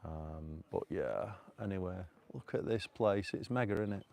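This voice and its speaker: A man from North Manchester with a broad northern English accent, talking off the cuff on a live stream outdoors. His voice sits very low and has a gravelly, creaky edge. He rambles in a chatty way and fills the gaps with ums, speaking into a phone held out on a selfie stick. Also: lively intonation, normal speed, a little mellow. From North Manchester, England. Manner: rambling, chatty, laughs often, many fillers. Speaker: vlogger. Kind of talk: casual live stream talk. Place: outdoors at a rocky cove by a river.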